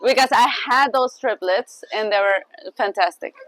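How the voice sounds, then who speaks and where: A woman teaching a Spanish class, switching between English and Spanish in a lively, laughing way. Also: on the high side, normal speed, dry recording, low-quality recording.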